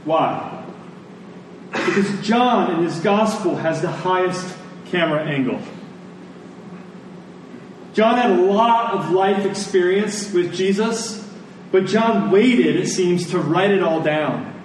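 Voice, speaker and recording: In a large, echoing church meeting room full of congregants, a high-voiced American pastor delivers his sermon conversationally. He parcels his thoughts into short, deliberate phrases, captured from afar by a mic with faint noise behind him.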